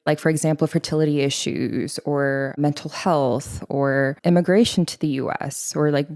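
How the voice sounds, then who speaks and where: A young woman from Thailand answers interview questions in an earnest, thoughtful way. Her voice sits low for a woman, and she talks in a conversational flow with an occasional "like". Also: fairly even intonation, normal speed, a little mellow. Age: 20s. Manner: earnest, reflective, with many likes. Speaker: guest, literary editor.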